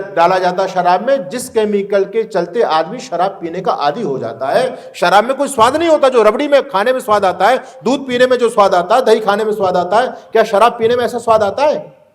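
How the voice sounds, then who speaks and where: A man giving a preachy, rhetorical moral lecture to students. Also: sits high. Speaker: speaker addressing students.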